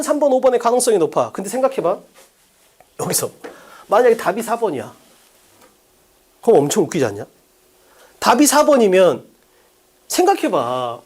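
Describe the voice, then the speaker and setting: Animated man lecturing in a lively pitch. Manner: animated, drilling students with quick questions; talks down to students in casual speech. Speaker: English teacher. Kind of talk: exam-prep lecture. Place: lecture studio.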